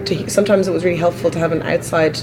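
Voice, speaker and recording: A woman with a hoarse, croaky frog voice from a touch of flu, talking haltingly and thoughtfully as a guest in a casual interview. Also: fairly low pitch, steady tone, over music. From Canada. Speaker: interview guest, credit union employee. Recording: busy conference chatter behind. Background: crowd at a conference.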